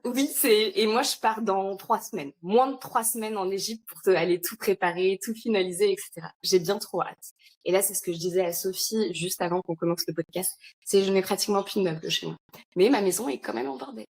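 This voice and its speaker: Woman guest on a podcast, chatty, laughs a lot, lots of euhs, normal pitch. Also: fairly quick. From France. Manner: lively, chatty, laughs often, many fillers. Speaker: founder of an entrepreneur retreat, podcast guest. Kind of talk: casual podcast chat.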